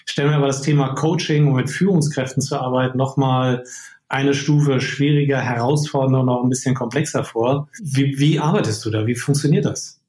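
A man conducts a relaxed interview at a mid pitch, asking curious follow-up questions. His voice has a roomy echo around it, as if he is recording in an open room. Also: brisk. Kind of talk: conversational interview.

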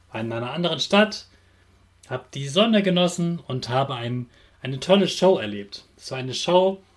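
Upbeat teacher man talking to kids. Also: a little high. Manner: lively, encouraging, speaks straight to the listener. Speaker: teacher and children's podcast host. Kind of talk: upbeat talk addressed to children.

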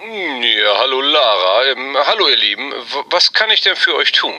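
A man playing a friendly, helpful police officer uncle, explaining a little haltingly over a speakerphone in a children's audio play. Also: medium pitch, sing-song, pushed and bright, dry recording, low-quality recording. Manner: hesitant, explanatory. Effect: speakerphone call.

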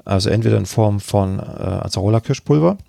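A man's voice: on the low side, brisk, gravelly, dark tone, dry recording, clean studio sound. A man, a bread baking expert, explains things at length in a podcast interview, thinking aloud with many fillers. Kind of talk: podcast interview answering questions.

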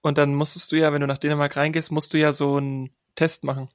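A young man telling a story in a relaxed, chatty way with youthful slang. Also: on the high side, fast, no echo, clean studio sound. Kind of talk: casual storytelling chat.

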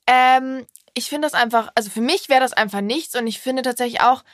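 A woman talking casually with her mother, defending herself in long, chatty answers full of restarts. Her voice sits a bit higher than most women's. The sound is dry, close and free of room echo. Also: fairly quick, fairly bright tone. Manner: defensive and talkative, many restarts. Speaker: daughter and podcast co-host. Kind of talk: casual family chat.

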